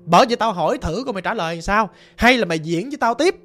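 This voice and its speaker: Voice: medium pitch, animated, very fast, fairly bright tone, lightly acted. A storyteller voicing a bold middle-aged male spirit master, blunt and mocking. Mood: commanding.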